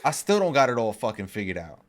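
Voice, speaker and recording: A man's voice: medium pitch, big pitch swings, fast. A man in his thirties co-hosting a podcast in casual chat, talking in an emphatic, profane, motivational way. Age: 30s. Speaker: podcast co-host.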